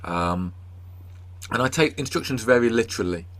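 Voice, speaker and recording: A man's voice: medium pitch, lively intonation, moderate pace, fairly bright tone. A man with an English accent in casual podcast chat, self-deprecating and dryly humorous. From England. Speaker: podcast co-host.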